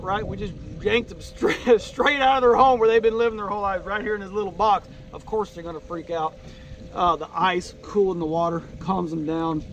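High-voiced man talking on a boat. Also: slight background noise. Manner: folksy, enthusiastic, chatty with loose restarts. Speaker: fishing show host. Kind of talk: casual instructional talk. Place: on a fishing boat outdoors.

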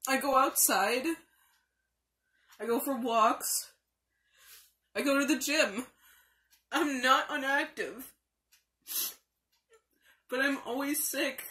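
Young woman, crying confessional vlog, highish bright voice, halting delivery. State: tearful, crying, upset. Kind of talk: emotional confessional vlog, venting. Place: small room indoors. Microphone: phone or webcam at arm's length.

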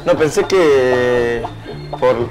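A man's voice: mid-range voice, drawn-out words. A man with a Rioplatense Spanish accent who talks in solemn sayings. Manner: speaks in sententious aphorisms. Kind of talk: web series acting. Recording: guitar music under the voice.

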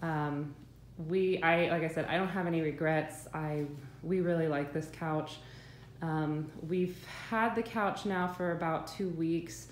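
Low-voiced woman chatting in an echoey room. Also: a little slow. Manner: relaxed, chatty, hesitant with many ums and restarts. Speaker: vlogger reviewing her couch. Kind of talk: casual product review. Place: her living room, indoors. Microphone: handheld phone filming the room. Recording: echoey room with faint background hum.

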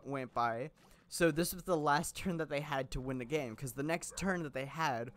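Slightly raised and a little high, this young gaming host's fairly bright voice carries some hiss or hum. He's a bit under the weather but stays chatty, laughing a lot and restarting often as he loosely narrates his gameplay for YouTube.

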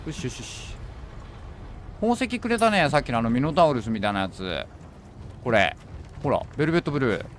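A man streaming a horror game, thinking aloud as he plays and bursting into alarmed shouts when enemies appear. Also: mid-range voice, sing-song, fairly quick, long pauses, slight background noise. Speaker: gaming streamer. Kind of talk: horror game let's play commentary.

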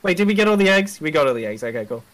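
A woman's voice: low-pitched, sing-song, very fast. A woman, chatting casually with friends while streaming a game and laughing often. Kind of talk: casual gaming chat.

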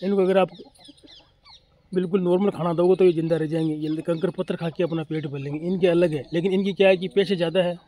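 This Rajasthani farmer's voice sits high with a dark tone, moving at a quick pace with fairly even intonation. He casually explains things to viewers outdoors on his chicken farm, plainly and repetitively, while hens cluck and faint noise lingers.

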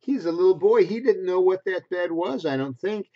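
At a normal speed and with a voice that sits high, a man in his sixties reads a picture book to preschoolers. He's expressive, uses simple phrases aimed at little kids, and adds asides. The audio, captured by a desk-distance computer webcam in a small home bedroom, is dull and lo-fi.

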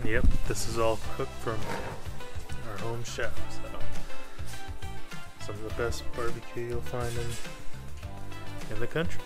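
A man presents a travel vlog in a casual, conversational way, with a mid-pitched voice. He addresses his viewers informally as he shows them around. Clear background music plays behind him. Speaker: travel vlogger.

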